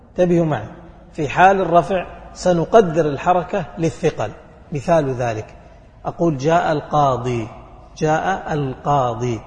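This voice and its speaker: A man teaches grammar in a class, his voice sitting a touch high. He keeps asking questions and answering them himself, checking that everyone follows. His voice trails off into the long reverb of a hall. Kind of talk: classroom lesson.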